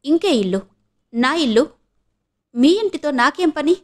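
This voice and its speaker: A woman's voice: high voice, expressive, unhurried, pitched above the performer's own voice. A proud commanding husband, read by a woman. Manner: curt, commanding. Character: proud, commanding young husband, quick-tempered.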